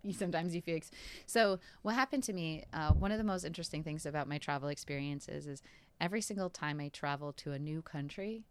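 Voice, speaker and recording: A smooth, low-voiced woman talks fast as she co-hosts a podcast. Her chat is loose and rambling, packed with fillers and laughter.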